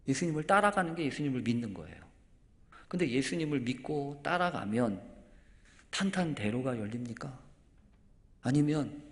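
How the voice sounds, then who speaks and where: Korean pastor preaching in a reverberant hall. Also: male voice, on the high side, vocal fry. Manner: emphatic, swings from loud exclamations to near-whispers; rhetorical questions to the congregation. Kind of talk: sermon.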